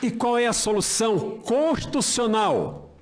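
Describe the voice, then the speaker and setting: A man's voice: very high-pitched, expressive, a little slow, gravelly. An older Brazilian man giving an impassioned political speech, emphatic, with rhetorical questions and repeated phrases. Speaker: speaker at a senate hearing, former judge.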